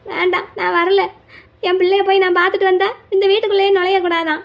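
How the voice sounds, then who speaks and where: A stubborn aggrieved mother, plaintive, very high voice, cartoon. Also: little pitch movement, fast talker, lo-fi sound. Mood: resentful. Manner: plaintive and resentful.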